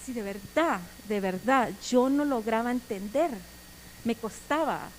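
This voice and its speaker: A middle-aged woman, giving an earnest personal testimony sermon in a strong, loud voice. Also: fairly high pitch, measured pace, slight background noise, low-quality recording. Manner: strong, loud voice, cannot speak softly; earnest, emotional storytelling. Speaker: preacher.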